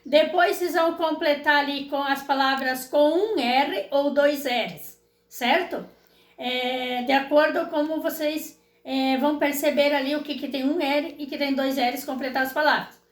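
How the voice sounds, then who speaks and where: A woman's voice: high voice, a little slow, roomy sound. A woman teacher with a Brazilian Portuguese accent, patiently walking students through exercises and checking in with them often. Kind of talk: explaining school exercises to students.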